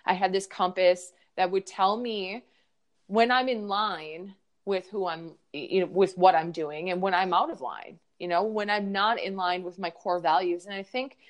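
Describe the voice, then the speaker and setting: A woman's voice: medium pitch, steady tone, normal speed. A woman, a yoga teacher, telling a personal story frankly and with feeling, using many fillers.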